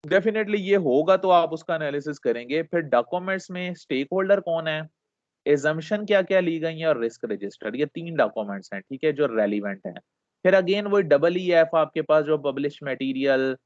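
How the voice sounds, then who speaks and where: A man's voice: medium pitch, no echo. Male lecturer, dull dry sound. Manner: explains patiently, mixing English terms into Urdu, often checks with "theek hai". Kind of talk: recorded class lecture.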